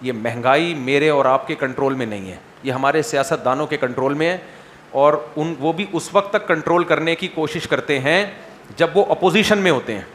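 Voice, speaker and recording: Lively Urdu-speaking man answering questions. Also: fairly high pitch, slight background noise. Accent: Pakistani Urdu. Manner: lively, teasing, rhetorical questions. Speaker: Islamic scholar answering questions.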